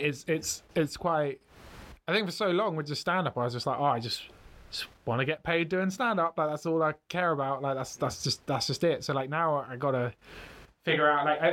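A young man, a stand-up comedian, chatting in an interview in a hesitant way with many restarts and quick laughs. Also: on the high side, a bit bright. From Britain. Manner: hesitant, full of fillers and restarts, laughs often. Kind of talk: casual interview chat.

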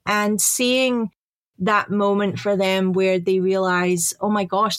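This middle-aged Scottish woman, with a medium-pitched voice and no room sound, is a chief digital officer appearing as a guest in a casual interview. She chats upbeat and laughs often.

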